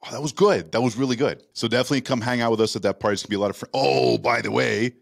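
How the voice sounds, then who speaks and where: A man's voice: mid-range voice, very fast. A man from Canada, hosting a podcast in a studio with upbeat, jokey banter. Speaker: podcast host. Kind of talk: casual podcast chat.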